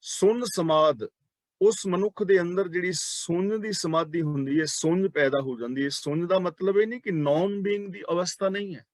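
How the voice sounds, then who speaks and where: A man teaching a religious class, explaining sacred terms slowly and speaking directly to his listeners, often repeating key words. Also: high-pitched, dry recording. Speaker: Sikh scripture teacher.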